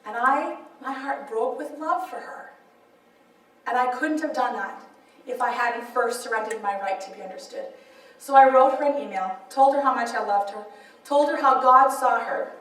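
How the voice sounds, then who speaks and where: A woman speaker sharing a personal testimony in an animated, laughing storytelling manner. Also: on the high side, normal speed. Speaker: author and speaker. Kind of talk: personal testimony at a church event. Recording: echoey hall, mic far off.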